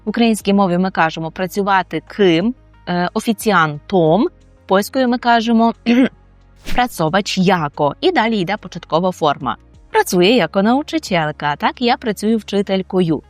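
A woman with a Ukrainian accent teaching Polish phrases, slowly repeating each model phrase. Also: mid-range voice, expressive, no echo, faint music behind. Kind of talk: explaining Polish phrases with examples.

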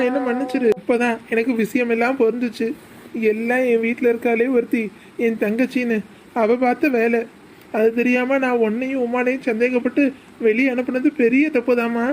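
A woman's voice: fairly high pitch, lightly acted, rough recording. A woman voicing a remorseful middle-aged husband who pleads with his wife for forgiveness. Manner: pleading, apologetic. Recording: faint background noise.

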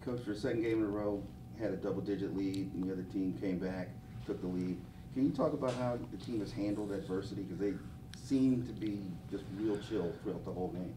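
A man asking a coach a question at a press conference in a quick, plain way. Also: fairly low pitch. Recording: distant off-mic voice in an echoey, noisy room.

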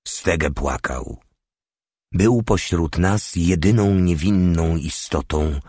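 A man reading a war novel aloud in measured, steady narration. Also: low-pitched, no room sound, clean studio sound. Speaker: audiobook reader. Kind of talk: scripted narration.

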